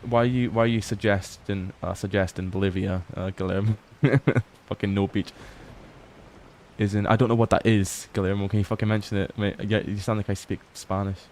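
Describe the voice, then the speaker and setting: A man's voice: lowish voice, fairly even intonation, fairly quick, a little mellow, a little hiss or hum. A tired young man casually chatting on a livestream, reading chat aloud and swearing often. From Scotland. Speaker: livestream host. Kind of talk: casual late-night stream chat.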